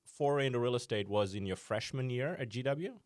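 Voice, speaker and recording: A man's voice: medium pitch, a little fast, no echo, studio quality. A middle-aged man hosting a podcast, reflecting on what his guest said in a conversational, filler-laden way. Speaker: podcast host. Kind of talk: interview conversation.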